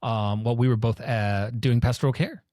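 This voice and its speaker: A man's voice: mid-range voice, normal speed, a little mellow, no room sound, studio quality. A young man hosting a podcast, chatting casually with lots of fillers and restarts. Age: young adult. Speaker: podcast host. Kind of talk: casual interview chat.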